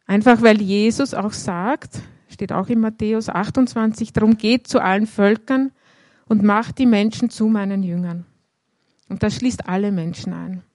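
A woman's voice: mid-range voice, steady tone, normal speed, darkish tone, dry recording. A woman giving a conversational sermon, often adding a questioning "ja" as she explains a Bible passage. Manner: conversational, frequent "ja" tags. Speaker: preacher.

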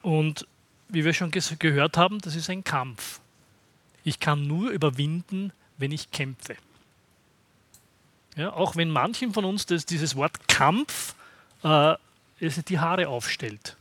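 Slow, husky-voiced preacher. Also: male voice, on the high side, fairly bright tone, no echo. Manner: conversational, checks in with the congregation by asking "Ja?". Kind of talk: sermon.

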